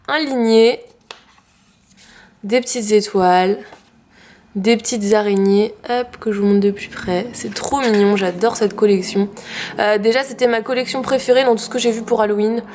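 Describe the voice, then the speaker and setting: A woman's voice: mid-range voice, steady tone, moderate pace, a little mellow, a little hiss or hum. A woman with a French accent showing her craft purchases in a casual, chatty way with many fillers. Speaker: craft vlogger. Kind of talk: casual haul video.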